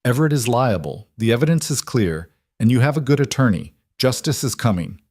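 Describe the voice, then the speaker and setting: A man reading a steady firefighter. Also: medium pitch, a little fast, no echo, natural voice. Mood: reassuring. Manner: calm, reassuring. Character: steady, guilt-worn male firefighter.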